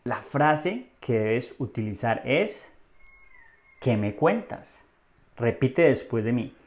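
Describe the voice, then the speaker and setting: A Colombian man leads a Spanish lesson at an unhurried pace, with a voice of middling pitch. He drills everyday greetings, spelling out each phrase slowly and raising his voice when he models it for the listener to repeat. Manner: slow, over-articulated model phrases, lifting pitch and volume on example greetings. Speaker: Spanish teacher.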